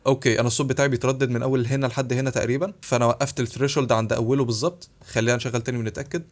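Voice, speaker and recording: A man with an Egyptian Arabic accent narrating a software tutorial, explaining each step briskly and speaking to the viewer. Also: medium pitch, little pitch movement. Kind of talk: screen-recorded tutorial voice-over.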